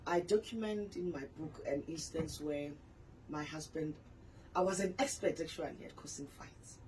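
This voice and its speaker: A woman's voice: low voice, moderate pace, mellow, a little hiss or hum, poor audio. Earnest woman guest in her forties. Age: 40s. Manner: earnest, candid, personal storytelling. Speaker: pastor and author, guest. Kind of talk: radio interview.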